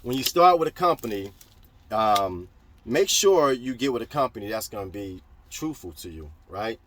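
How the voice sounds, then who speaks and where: A man's voice: fairly low pitch, lively intonation, normal speed. A middle-aged American man talking casually to viewers in a rambling, plain-spoken vlog style, repeating phrases as he gives advice. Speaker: vlogger and trucking business owner. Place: in a parked truck cab.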